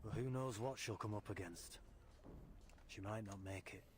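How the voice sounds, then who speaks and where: An actor playing a cynical, wolfish veteran soldier in a video game, with a hoarse voice and wry, sceptical delivery. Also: male voice, moderate pace, close to an everyday voice. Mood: doubtful. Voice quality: low, hoarse. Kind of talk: dramatic video game voice acting. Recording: game dialogue over music.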